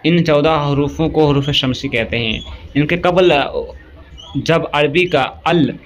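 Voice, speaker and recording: A male teacher giving an exam-prep grammar lesson. He recites long lists item by item at an even pace and keeps checking in with a quick "okay". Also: on the high side, slight background noise.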